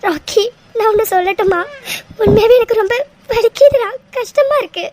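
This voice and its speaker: A woman's voice: extremely high pitch, normal speed, a little mellow, slight background noise. A woman voicing a heartbroken young woman in a cartoon, crying and blaming herself in a tearful, sobbing voice. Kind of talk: cartoon voice acting.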